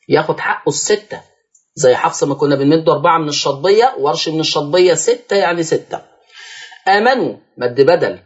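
A man with an Egyptian accent teaching Quran recitation on a broadcast lesson, quizzing the listener and then answering himself, and drawing out the recited words slowly to demonstrate. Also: a little high, slightly rough, muffled recording. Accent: Egyptian Arabic.

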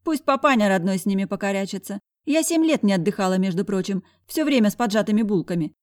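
A woman's voice: medium pitch, a little mellow, voice pushed up, close to an everyday voice. A woman playing a brash, mocking woman friend. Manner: mocking, bossy, quick-tongued.

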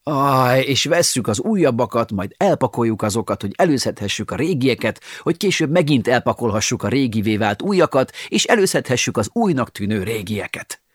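A man's voice: medium pitch, big pitch swings, hardly any pauses, slightly rough, dry recording, clean studio sound. A man narrating an audiobook in a wry, ironic storytelling manner, with sighing asides.

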